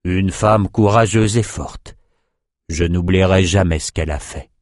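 A man reading an audiobook, voicing a calm male wizard leader who speaks in a measured, consoling way. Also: low-pitched, dry recording, studio quality, pitched below the performer's own voice.

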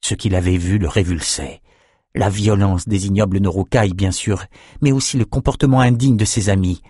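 A man reading a novel aloud in a steady, measured narration. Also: deep voice, husky, no room sound, studio quality. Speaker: audiobook narrator. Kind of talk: scripted narration.

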